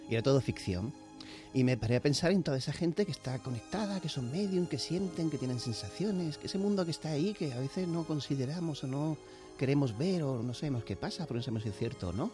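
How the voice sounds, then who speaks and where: A male novelist is interviewed on the radio, with a mid-range voice. He talks in a chatty, reflective way and laughs easily. A faint music bed runs underneath. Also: mid-range voice. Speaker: novelist guest. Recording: soft music playing underneath.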